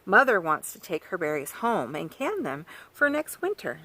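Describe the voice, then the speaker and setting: A woman voicing a calm, practical mother in a storybook, gently firm and instructing. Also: fairly low pitch, normal speed, slightly rough, exaggerated voice, low-quality recording.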